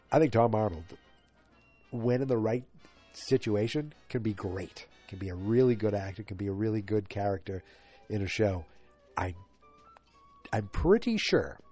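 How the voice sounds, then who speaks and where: A man in his forties hosts a solo podcast from home late at night, his voice congested and stuffed up. He speaks low, mellow and dark with a breathy edge, rambling, interrupting himself and restarting often. Faint music sits underneath.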